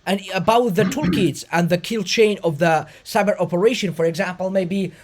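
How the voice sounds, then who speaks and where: A high-voiced male podcast host speaks quickly and with effort in a conversational interview, frequently restarting and using lots of fillers.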